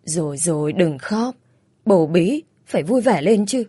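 A brisk older mother-in-law, as a woman reader puts her on, bossy but caring, fussing in a storybook reading. The voice sits low and the sound is dry and close. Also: animated, mellow, husky, no room sound. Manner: bossy, practical, scolding kindly.

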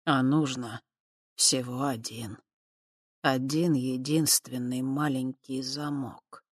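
A narrator performs a sly male half-spirit prince who mocks and threatens in a hushed, drawn-out voice. The recording is close and dry, with no room around it. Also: mid-range voice, fairly even intonation, dry recording. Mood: quiet menace. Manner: soft, slow, silky and menacing.

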